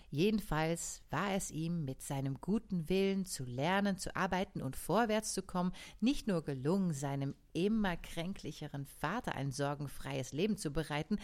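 A woman reading a story aloud to a live audience, slow and deliberate. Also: fairly low pitch, a little mellow. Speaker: reader.

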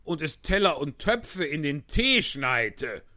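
A man's voice: on the high side, sing-song, slow, bright, forceful tone, no echo, studio quality, voice pushed up, full character voice. A man voicing a timid, trembling hatter in a storybook reading, pleading in a quavering voice.

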